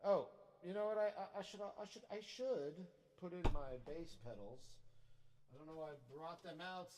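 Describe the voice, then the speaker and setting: A man's voice: fairly high pitch, moderate pace, in a large hall, noisy background. A man hosting a casual music livestream from his home studio, rambling and joking about himself as he sets up. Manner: rambling, self-joking and chatty. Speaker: singer-songwriter livestream host.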